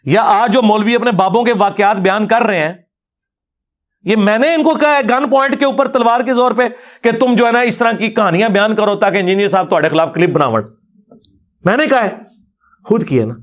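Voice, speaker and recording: A man giving a measured, sarcastic rebuttal. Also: high voice.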